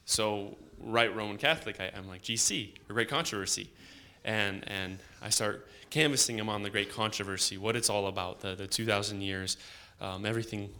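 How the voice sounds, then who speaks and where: Young guy telling a door to door story, low-ish but bright, keeps restarting. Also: normal speed, few pauses. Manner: animated storytelling with many restarts. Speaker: student literature evangelist. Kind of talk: personal testimony.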